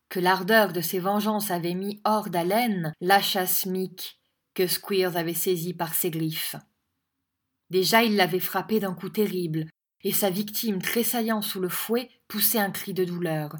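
A woman narrating an audiobook with a measured, expressive reading. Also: lowish voice.

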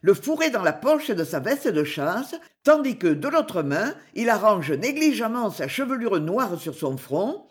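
A woman reads a classic novel aloud, her voice rising and falling a great deal. She tells the story expressively, at a medium pitch. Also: big pitch swings, unhurried, few pauses. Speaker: audiobook reader. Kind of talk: scripted narration of a novel.

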